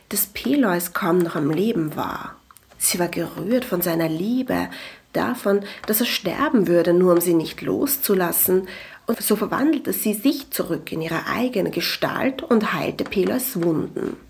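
A woman reading a story aloud in a calm narration style, sometimes dropping to a soft whisper. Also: on the low side, gravelly. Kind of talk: scripted audiobook narration.

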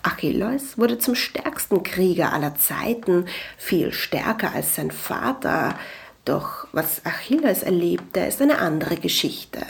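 A woman reading a story aloud in a calm narration style, sometimes dropping to a soft whisper. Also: lowish voice, gravelly. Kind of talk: scripted audiobook narration.

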